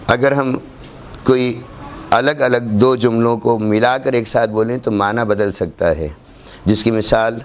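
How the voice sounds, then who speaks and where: A man's voice: mid-range voice, slight background noise. A man teaching a class on Quran recitation rules, explaining step by step and repeating examples. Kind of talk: classroom lecture.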